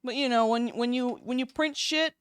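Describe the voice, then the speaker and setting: A woman's voice: on the high side, moderate pace, smooth, no room sound. A young woman streaming while she draws, chatting casually, giggling and swearing easily. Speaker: streamer and artist. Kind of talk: casual live-stream chat while drawing.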